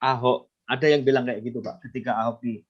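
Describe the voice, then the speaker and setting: A man's voice: mid-range voice, steady tone, quick pace, highs cut off. A man interviewing on a live stream, asking questions politely and humming along in agreement.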